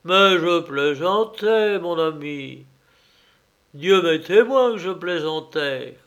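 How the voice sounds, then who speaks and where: A man's voice: on the high side, expressive, slow pace, a bit bright, muffled recording, pitched above the performer's own voice, heavily acted. A man doing a nervous, blustering traveler. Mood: anxious. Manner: anxious, fretful muttering. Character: cowardly land surveyor, blustering then pleading.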